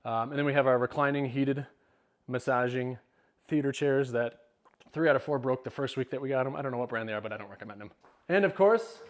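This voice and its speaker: A middle-aged man, joking and rambling as he walks viewers through his home, sometimes out of breath. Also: mid-range voice. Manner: joking, rambling, self-deprecating. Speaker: homeowner giving a house tour. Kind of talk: casual house tour vlog. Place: large house, indoors, walking between rooms.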